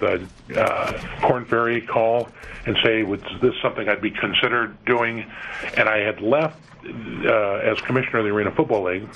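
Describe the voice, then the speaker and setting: A middle-aged man from California, a guest on a radio interview, who talks in a halting way with many repeated words and fillers. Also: on the low side. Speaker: interview guest, museum executive. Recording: dull lo-fi radio broadcast with faint noise.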